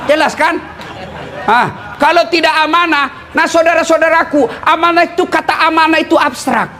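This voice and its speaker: A man from eastern Indonesia with a lilt, preaching a humorous sermon to a live audience, teasing and often shouting and laughing. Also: extremely high pitch, moderate pace, a faint crowd. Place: live event before an audience.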